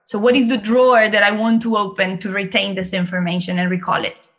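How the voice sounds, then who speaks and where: Bright-voiced Italian woman explaining. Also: medium pitch, brisk. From Italy. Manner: explanatory, lively, laughs often. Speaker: guest, learning expert. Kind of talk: interview conversation.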